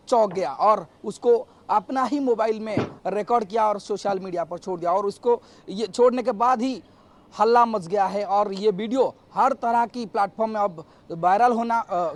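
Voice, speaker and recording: A male news reporter speaking off the cuff, halting, with many fillers and restarts and repeated phrases. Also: sits high, a little mellow. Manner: repetitive, circling phrasing.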